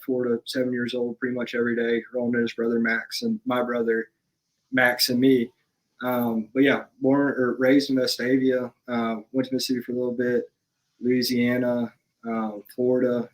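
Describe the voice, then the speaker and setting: A man's voice: medium pitch, rough recording. A young man from Alabama, a business owner guest, talking in a laid-back, matter-of-fact way. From Alabama, USA. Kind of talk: casual interview chat.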